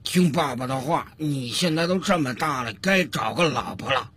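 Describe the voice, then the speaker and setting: Casting: slow, soft-spoken old playboy father, played by a man, heavy noise behind. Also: medium pitch, lively intonation, pitched above the performer's own voice, natural voice. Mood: advising.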